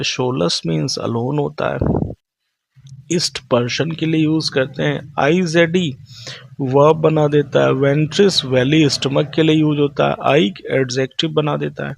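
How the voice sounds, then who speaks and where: A man's voice: mid-range voice, creaky, no room sound. A man teaching English vocabulary in a classroom lesson, mixing Hindi and English and reading out definitions before explaining them. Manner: mixes Hindi and English, reads definitions slowly then explains.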